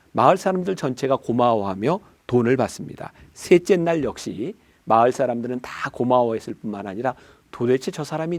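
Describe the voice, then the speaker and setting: A man's voice: mid-range voice, a little mellow, dry recording. Man preaching a sermon, dry sound. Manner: storytelling preacher, addresses the congregation directly. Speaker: pastor.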